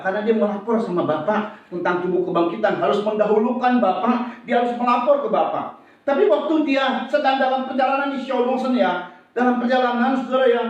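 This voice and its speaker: Male pastor, high and very lively delivery, sermon recorded from far off in an echoey hall. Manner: lively, animated preaching with acted-out asides. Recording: echoey hall, distant and dull.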